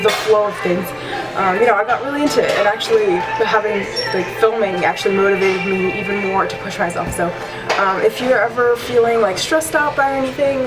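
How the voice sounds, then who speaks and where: A woman's voice: medium pitch, rough recording. A young adult woman talking informally and chattily as a fitness vlogger, with some self-deprecating asides. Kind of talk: casual instructional vlog talk.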